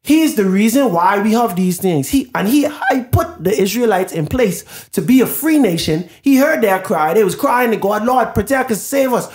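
Brief: male podcast co-host, loose animated Bible chat, "bro" in every other line, roomy echoey sound. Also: sits high, normal speed, hardly any pauses. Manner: casual and animated, says "bro" constantly. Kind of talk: casual Bible discussion podcast.

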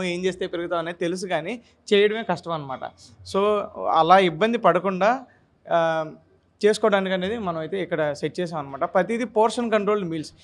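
A young man interviewed in a restaurant, explaining his menu with fillers and English words mixed in, into a handheld mic. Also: high voice. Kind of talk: casual interview answers. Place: restaurant inside a gym, indoors. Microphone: handheld mic held by reporter.

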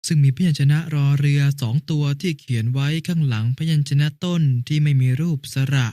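A patient, helpful big brother from a children's lesson cartoon, played by a man, explaining things step by step in a mellow, slightly high voice. It is recorded dry and close, with no room sound. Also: brisk, no echo, close to an everyday voice. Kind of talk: educational cartoon dialogue.

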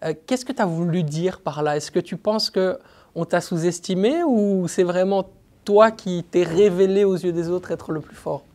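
A man's voice: high voice, moderate pace, mellow. A man interviewing a footballer, asking long, meandering questions full of fillers.

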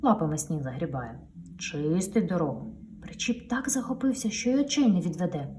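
A woman's voice: fairly low pitch, lively intonation, brisk, dark tone, a little hiss or hum. A woman reading a children's picture book aloud to her daughter, with playful storytelling and sound effects, heard a little distant from the mic.

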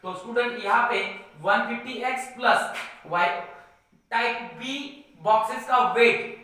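A man teaching a math lesson, talking slowly and repeating words as he writes on the board. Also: very high-pitched, pushed and bright, a little hiss or hum. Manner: slow, repeats words while writing, keeps saying "student". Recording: echoey room.

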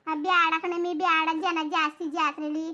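A woman's voice: extremely high pitch, flat delivery, moderate pace, bright, forceful tone. Woman voicing a scolding village mother. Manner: scolding, complaining at length. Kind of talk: cartoon voice acting.

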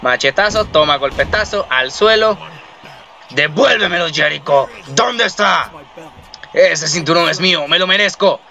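A young man commenting on a wrestling video game, excitable and profane, yelling at the action. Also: a little high, unhurried, gravelly. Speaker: gameplay commentator. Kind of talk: casual gameplay commentary. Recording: lo-fi muffled recording.

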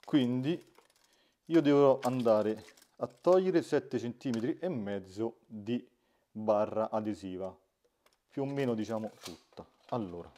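The host of a DIY smart-home channel narrates a hands-on tutorial to camera in a lowish, warm voice. He is recording indoors in a small room.

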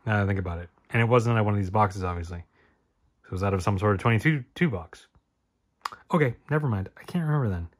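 A man's voice: on the low side, fast talker. A man hosting a card-opening video, listing the names in each pack and rambling as he corrects himself. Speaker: card-opening channel host. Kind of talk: casual card-opening commentary.

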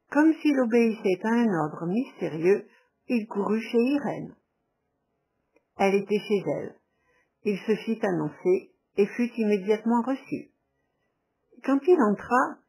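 Brief: woman audiobook narrator, slow and measured, warm, breathy. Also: mid-range voice, low-quality recording. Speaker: audiobook reader.

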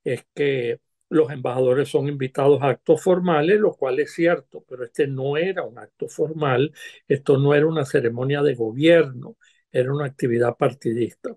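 An older man, a former diplomat, giving measured commentary over a video call from a home study. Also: fairly high pitch, a little mellow.

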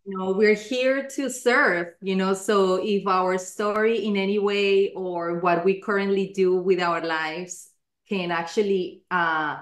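A Colombian-born life coach in her 40s, appearing as a guest on a video call interview from her living room, speaks earnestly with lots of fillers and restarts. Her mid-range voice is slow and fairly even, and the laptop audio sounds roomy.

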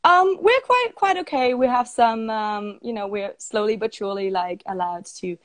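Giggly host. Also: female voice, a little high, lively intonation, moderate pace, poor audio. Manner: chatty, giggly, many fillers. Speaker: radio interviewer hosting a live stream. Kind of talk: casual live-stream interview. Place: indoors, on a live video stream.

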